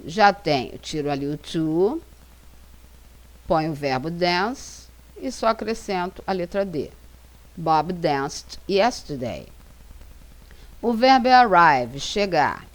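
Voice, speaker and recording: A Brazilian woman with a Brazilian Portuguese accent, an English teacher narrating a slide lesson and reading example sentences slowly and carefully. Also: on the low side, expressive. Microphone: voice-over for slides.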